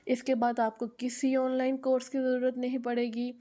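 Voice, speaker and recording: A woman's voice: high-pitched, monotone, normal speed, mellow. Chatty young woman explaining step by step. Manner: chatty, repeats phrases, hesitant fillers. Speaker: online teaching guide. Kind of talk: casual how-to talk.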